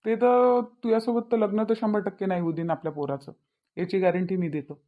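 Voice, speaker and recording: A smug, spiteful young man who gloats over his revenge, speaking in a Vidarbha Marathi accent, voiced by a woman. His voice sits at a middling pitch. The recording sounds slightly dull and lo-fi. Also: fairly even intonation, brisk, close to an everyday voice. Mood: gloating. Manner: taunting, smug.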